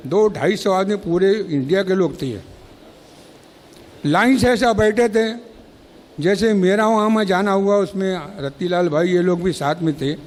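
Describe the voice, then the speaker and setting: A man's voice: high-pitched, darkish tone, slight background noise. A man giving a public speech at a ceremony in an auditorium, telling stories and acting out the exchanges he recounts. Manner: storytelling, acting out quoted exchanges. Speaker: speaker at a felicitation ceremony. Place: college auditorium. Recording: long reverb of an auditorium.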